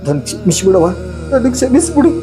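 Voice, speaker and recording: A man's voice: extremely high pitch, big pitch swings, a little fast. A man playing a poor father and driver who soothes his sick daughter. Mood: tearful. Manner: soothing, choked with emotion. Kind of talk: short film acting. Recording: music under the dialogue.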